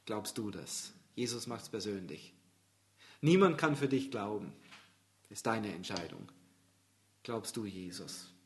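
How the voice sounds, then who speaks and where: A pastor giving a sermon, reading scripture with emphasis and then turning to quiet, personal appeals to the congregation. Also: male voice, on the low side, animated, unhurried, pauses often.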